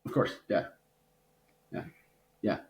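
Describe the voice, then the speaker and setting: A man co-hosting a podcast in a casual chat, rambling and playfully dramatic, with lots of filler words. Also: slow pace. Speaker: podcast co-host. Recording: roomy echo.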